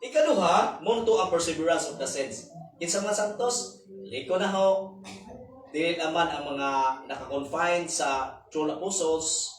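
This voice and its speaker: A man's voice: on the high side, a little slow, long pauses. A man with a Cebuano accent preaching a sermon, with emphatic rises and drops and English scripture quotes mixed in. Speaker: pastor. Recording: echoey hall from far off, faint background noise.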